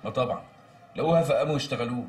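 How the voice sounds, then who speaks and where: An actor playing an Egyptian man who is brisk and commanding with his friends and tender with his partner. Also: mid-range voice, darkish tone, natural voice. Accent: Egyptian Arabic. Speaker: gang leader. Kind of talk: TV drama acting. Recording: distant mic, heavy background noise.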